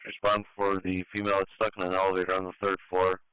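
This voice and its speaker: A man dispatching fire calls in a fairly low, clear voice. He is procedural and repeats details, over a dry, narrowband radio channel. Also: monotone, fast talker, no echo.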